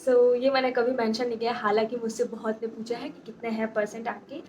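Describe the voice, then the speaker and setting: A woman in her twenties answering viewer questions in a casual vlog, talking fast and mixing in English words, recorded on a handheld phone. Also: on the high side, flat delivery, a little mellow, muffled recording, a little hiss or hum. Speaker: nursing graduate vlogger. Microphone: phone held in hand.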